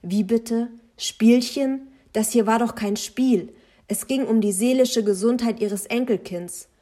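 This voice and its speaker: A woman's voice: on the high side, measured pace. A woman voicing a young woman who argues angrily in an audiobook. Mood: indignant. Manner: angry, shouting. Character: furious young woman fighting for a boy.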